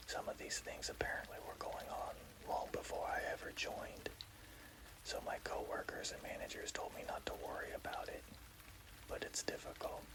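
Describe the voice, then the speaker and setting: A person telling a scary story in a hushed, slow, deliberate ASMR whisper. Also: low-quality recording.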